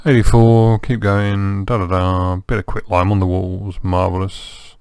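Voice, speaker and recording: A man's voice: sits low, little pitch movement, unhurried, creaky, darkish tone, smooth, no echo. A man with a sore throat giving dry, wry let's play commentary on a strategy game. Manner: dry, wry self-mocking asides. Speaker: gameplay commentator.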